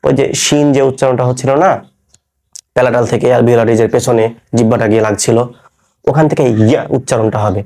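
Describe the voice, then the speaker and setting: A man's voice: medium pitch, steady tone, fast, darkish tone. Patient man teaching letter sounds. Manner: patient, repeats sounds and checks with "right?". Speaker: Quran recitation teacher. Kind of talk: classroom lesson on letter pronunciation.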